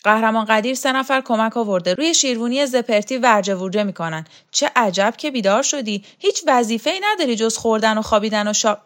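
A woman's voice: on the high side, animated, hardly any pauses, voice pushed up, natural voice. A woman voicing a bossy older servant woman who mocks and barks orders at a girl in an audiobook. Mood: scolding. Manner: harsh, mocking, barking orders.

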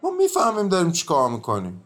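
A man's voice: fairly high pitch, wildly swooping pitch, fairly bright tone. A man playing a stubborn grumbling peasant. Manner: rustic colloquial speech, grumbling and mumbling. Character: stubborn barefoot peasant man on trial, evasive. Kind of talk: radio drama acting.

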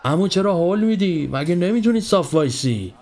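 A man's voice: high-pitched, animated, a little mellow, pitched above the performer's own voice. A man voicing a square-shouldered young man with a cigarette, grumbling in a crowd, in a storybook reading.

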